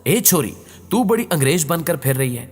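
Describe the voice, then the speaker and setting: A man voicing a gruff, scolding relative. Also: on the high side, very animated, a little mellow. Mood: angry. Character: angry scolding male relative. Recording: reverberant room with faint music.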